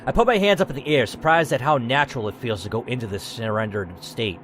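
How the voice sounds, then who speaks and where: Narrating an interactive story game in the first person, this man speaks fast at medium pitch with a slightly bright tone. Every so often he stops to mull over his choices aloud, dropping the odd curse, while a faint hiss or hum sits under the audio.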